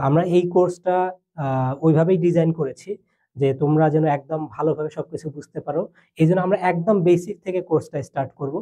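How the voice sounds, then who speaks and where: High-voiced young man teaching English. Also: warm tone. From Bangladesh. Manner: patient, explains step by step with fillers and mixed English. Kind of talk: classroom lesson explanation.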